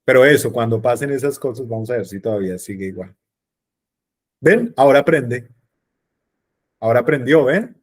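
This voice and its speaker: A man's voice: medium pitch, expressive, normal speed, pauses often. Chatty male teacher. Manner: chatty, checks in with frequent rhetorical questions. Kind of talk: online class explaining circuits.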